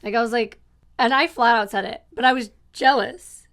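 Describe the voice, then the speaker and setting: Animated woman in her forties telling a story. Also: on the high side, normal speed. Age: 40s. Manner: rambling, animated storytelling with quoted asides. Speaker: co-host of a couple's channel. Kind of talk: casual storytelling chat.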